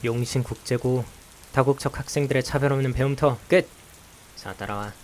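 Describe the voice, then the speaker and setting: In visual novel voice acting with some first-person narration, a man plays a grumbling teenage schoolboy stuck as a reluctant partner. His mid-range voice, at normal speed and lightly acted, is blunt, dry and sarcastic, full of exasperated sighs. Hiss and steady rain sit behind the recording.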